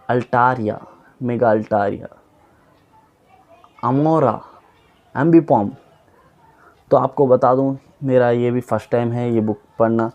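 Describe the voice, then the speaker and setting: A young man casually reading aloud a long list of names for his viewers, sounding them out slowly and often stumbling and repeating them. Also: medium pitch, a little mellow, muffled recording. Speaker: YouTuber reading Pokémon names.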